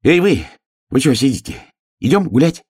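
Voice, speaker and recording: A man voicing a restless young hare in a storybook reading, loud and jumpy, with a husky voice. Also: on the low side, expressive, a little fast, pitched above the performer's own voice. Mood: eager.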